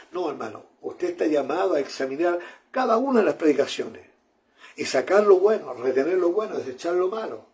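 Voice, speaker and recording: A man's voice: fairly high pitch, dark tone. A man, preaching a sermon in an earnest manner, often repeating phrases and calling his listeners brother.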